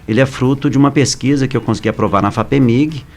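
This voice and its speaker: A Brazilian man, a professor guest in a radio studio, explains his subject in a measured way, pausing and restarting now and then. His voice is gravelly and of middling pitch. Faint music plays underneath. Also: darkish tone. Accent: Brazilian Portuguese. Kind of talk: explanatory interview answers. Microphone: studio microphone.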